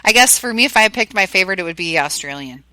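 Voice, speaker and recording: A woman co-hosting a podcast in casual chat, chatty and quick to crude jokes. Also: mid-range voice, expressive, pushed and bright, no echo. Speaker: podcast co-host.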